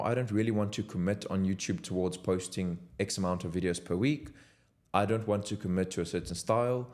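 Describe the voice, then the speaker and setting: Speaking in a low, darkish voice, a young man from South Africa films an unscripted talking-head vlog at his home desk. As a content creator, he delivers an earnest, motivational message straight to camera.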